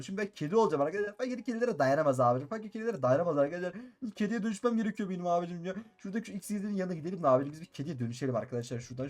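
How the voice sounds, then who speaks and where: A man playing a Minecraft role-play and commenting excitedly, repeating his phrases and constantly addressing viewers. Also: sits high. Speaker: gaming YouTuber.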